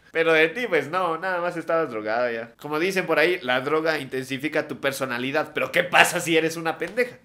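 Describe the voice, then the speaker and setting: A man's voice: a little high, pushed and bright. A young man doing sarcastic reaction commentary as host, often laughing. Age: young adult.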